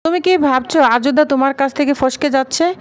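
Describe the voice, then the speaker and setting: A proud, sharp-tongued rich young woman with a cutting, taunting way of talking, as a woman narrator reads her part. The voice sits high. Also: fairly even intonation, quick pace, close to an everyday voice.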